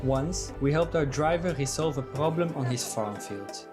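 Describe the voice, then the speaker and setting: A young man, calmly narrating a travel vlog voice-over. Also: a little high, moderate pace. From Belgium. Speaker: travel vlogger. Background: music.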